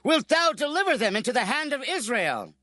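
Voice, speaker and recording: A man's voice: very high-pitched, big pitch swings, brisk. A man playing a stern, commanding king of ancient Israel in a dramatized scripture reading, declaiming his orders. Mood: urgent, solemn.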